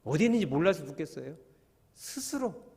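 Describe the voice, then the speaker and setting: A man's voice: on the high side, very animated, moderate pace, vocal fry, darkish tone, slightly rough, big-room sound. A man preaching a sermon as pastor, talking with the congregation in a conversational way, asking them questions and acting out voices. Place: church.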